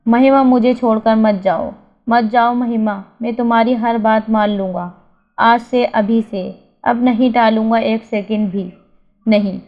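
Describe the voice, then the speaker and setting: A woman's voice: a little high, fairly even intonation, measured pace, lightly acted. A woman voicing a frantic young husband who begs desperately for his dying wife. The recording is slightly dull. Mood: desperate pleading. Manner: pleading, desperate.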